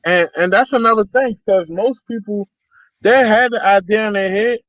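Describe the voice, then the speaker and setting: A man's voice: high-pitched, moderate pace, a bit bright, no echo. A man hosting a podcast interview, encouraging his guest with motivational remarks. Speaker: podcast host. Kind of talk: interview conversation. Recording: dull, lo-fi and dry sound.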